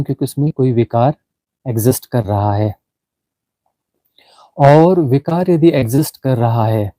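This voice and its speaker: A man teaching a guided meditation, explaining slowly with frequent restarts and fillers. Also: medium pitch, dark tone, no echo, rough recording.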